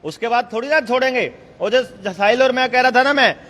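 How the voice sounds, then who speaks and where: A man's voice: extremely high pitch, fairly quick, fairly bright tone, long reverb tail. A man talking to a group of supporters in a rousing, conversational way, full of rhetorical questions. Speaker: activist leader addressing supporters. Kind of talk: informal Q&A talk to a group.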